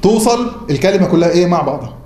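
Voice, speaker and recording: A man with an Egyptian accent lectures very fast in a high-pitched, expressive voice with a dark tone. He keeps questioning his students only to answer himself. The recording comes from a roomy classroom or mosque hall with faint noise.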